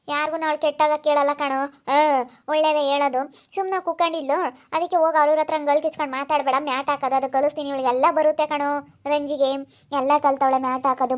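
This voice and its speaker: A woman voicing a sharp-tongued sister-in-law who accuses a girl of lying in an amateur family drama. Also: high-pitched, lightly acted. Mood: insistent. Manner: accusing, sarcastic, insistent. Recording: dull lo-fi sound.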